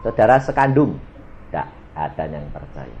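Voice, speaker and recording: Animated preaching man. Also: moderate pace, dull audio. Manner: animated preaching, swinging between loud bursts and low asides; storytelling with bits of everyday local speech. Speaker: pastor. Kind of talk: sermon.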